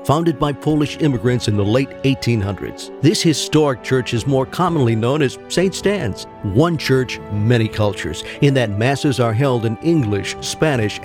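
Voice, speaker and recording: A man reading a scripted radio advertisement at a mid pitch, smooth and measured. A clear music bed plays under his voice. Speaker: announcer.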